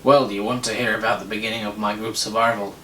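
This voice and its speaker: A smug hotel receptionist drawls slowly with a slight Irish twang, as a man reads him out. His low voice echoes in a roomy space over a faint rumble. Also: flat delivery, a bit bright, far from the mic, natural voice. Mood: sly.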